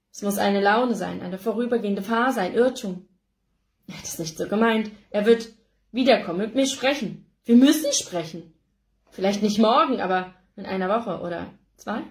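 A woman reading a first-person novel aloud in an emotive, expressive narration, recorded indoors. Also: mid-range voice. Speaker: audiobook reader. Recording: roomy echo.

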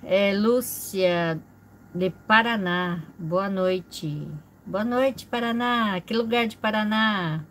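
A woman's voice: medium pitch, fairly bright tone, a little hiss or hum, poor audio. A woman in her forties from Brazil, hosting a casual livestream from a room at home and greeting viewers one by one with small laughs. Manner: slow, chatty, greets viewers by name with frequent small laughs. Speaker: livestream host. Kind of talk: casual live chat reading viewer comments. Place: indoor home room with a fish tank.

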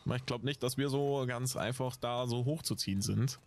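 A man's voice: medium pitch, fairly quick, slight background noise. A man giving casual, chatty, musing Let's Play commentary as he plays. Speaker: gamer.

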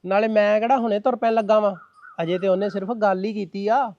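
Reassuring grown son played by a man, quick, high, gentle. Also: level tone, dull audio. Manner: soothing, reassuring.

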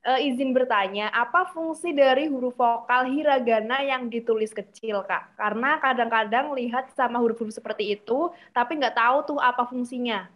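A woman's voice: on the high side, moderate pace, a bit bright. A woman moderating an online class, reading out audience questions and guiding the session in a friendly way. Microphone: video call. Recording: dull lo-fi video call audio.

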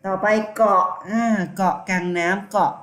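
A woman's voice: mid-range voice, normal speed, a bit bright. A woman teaching an online language lesson, patiently repeating each sound many times. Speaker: Chinese teacher.

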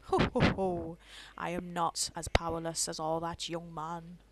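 Woman putting on a slow old talking tree voice. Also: on the low side, completely flat delivery, background noise, close to an everyday voice. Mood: grave, measured. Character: ancient talking tree, male, grave and wise. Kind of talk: reading game dialogue aloud.

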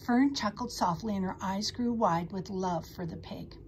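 A woman reading a children's storybook aloud, expressive and animated. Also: mid-range voice, normal speed, slight background noise. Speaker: audiobook reader. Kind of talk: storybook read-aloud narration.

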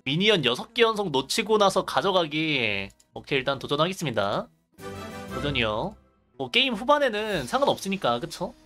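A man commentates casually over a game on his livestream. His voice sits a little high and swings widely in pitch as he drops short exclamations and asides. Music plays behind him. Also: very animated, moderate pace, sharp tone.

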